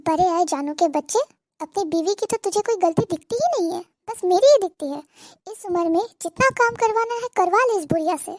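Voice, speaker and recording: A woman's voice: extremely high pitch, lively intonation, moderate pace, darkish tone. A woman voicing a scolding, sarcastic mother-in-law in a cartoon comedy. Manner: nagging, sarcastic, theatrical complaining. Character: scolding middle-aged Indian mother-in-law.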